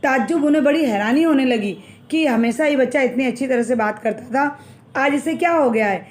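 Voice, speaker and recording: A woman's voice: high voice, a little fast. A woman teacher retelling a textbook story as a lesson, repeating phrases and explaining the meanings of words.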